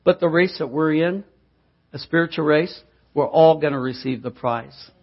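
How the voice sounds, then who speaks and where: A man's voice: a little high, normal speed, slightly rough. A middle-aged man preaching a sermon, telling a homespun story and building to fervent exhortation. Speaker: pastor. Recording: dull lo-fi sound.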